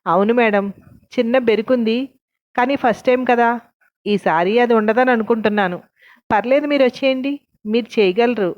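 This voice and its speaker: A woman's voice: a little high, normal speed, long pauses, natural voice. Brief: woman voicing a courteous, encouraging young man in an audio story, lo-fi. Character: young man, reassuring film director. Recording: dull lo-fi recording.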